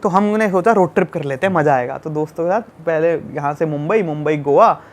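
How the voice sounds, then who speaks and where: A young man from tells a story in a casual chat. His voice sits high for a man, and he talks in an animated, emphatic way, repeating words for effect. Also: a little fast. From Delhi. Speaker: podcast guest.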